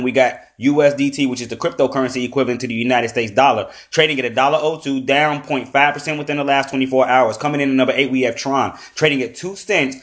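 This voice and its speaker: Male podcast host, top ten countdown read, informal, repeating announcer-style list pattern. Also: mid-range voice. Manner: repetitive announcer-like list delivery; informal, addresses listeners as family.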